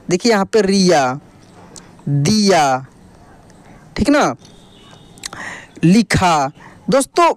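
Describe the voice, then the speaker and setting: A woman teaching a Hindi reading lesson at a slow, patient pace, her voice a little higher than most and rising and falling a lot. She keeps asking her class questions and then answering them herself. The recording is close and dry. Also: darkish tone, no echo. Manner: explains slowly, asks rhetorical questions and repeats the answers.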